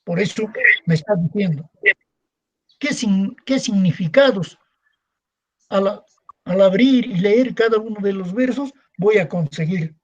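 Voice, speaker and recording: A man's voice: sits high, lively intonation, measured pace, pauses often, darkish tone, lo-fi sound. A male secondary school teacher giving a recorded class, repeating points and asking rhetorical questions that he answers himself. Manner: repetitive, asks rhetorical questions and answers them. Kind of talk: recorded online class lecture.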